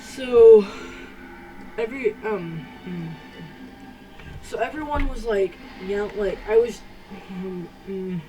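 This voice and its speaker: A teenage girl telling a personal story to camera, halting, with many restarts and fillers. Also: mid-range voice, distant mic, music in the background, poor audio. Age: teens. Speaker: vlogger. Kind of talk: casual storytime.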